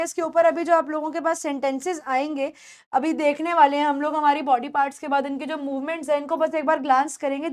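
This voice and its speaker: A young woman with an Indian accent, teaching a beginners' English lesson in Hindi mixed with English, repeating words slowly for pronunciation. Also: sits high.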